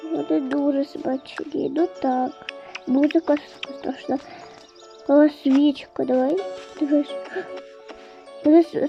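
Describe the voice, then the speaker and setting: Excitable high-voiced woman narrating. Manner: excitable, exclaiming. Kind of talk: narrating a game-play story. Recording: dull lo-fi with faint music.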